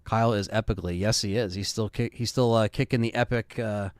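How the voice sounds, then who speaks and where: A man's voice: lowish voice, steady tone, a little fast, clear, resonant tone, no echo. A man in his thirties hosting a live stream, chatting casually and reading viewer comments with loose fillers. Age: 30s.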